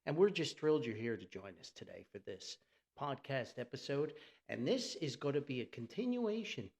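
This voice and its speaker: Gravelly and darkish, at medium pitch, this New Jersey man's voice is very animated though moderately paced. He hosts a solo podcast, mixing in sponsor reads, and his style is chatty, folksy and theatrical, with exclamations and repeated words for emphasis.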